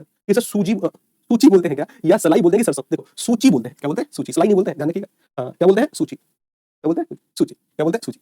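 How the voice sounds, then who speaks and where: A man's voice: sits high, warm tone, dry recording, clean studio sound. A man teaching an online exam-prep lecture, quizzing his students and answering his own questions, with folksy asides.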